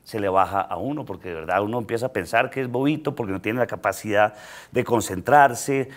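On a talk show's studio set, a Colombian man in middle age, appearing as a guest comedian, shares a personal anecdote in a lowish, fairly quick voice, hesitating often and laughing through the casual conversation.

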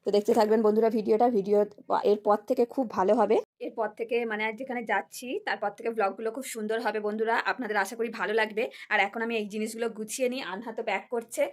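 Woman, fairly high voice, sing-song mom vlogger talking to her little one at home. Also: steady tone, fast. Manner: coaxing sing-song chatter with a toddler, then chatty asides to viewers. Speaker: family vlogger and mother. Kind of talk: casual family vlog.

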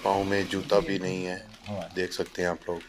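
A man's voice: sits low, completely flat delivery, moderate pace, noisy background. A man with a Pakistani Urdu accent narrating a casual vlog, guiding viewers around a desert village and asking residents simple questions on a handheld camera mic. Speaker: vlogger touring a village. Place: outdoors and in mud huts in a desert village.

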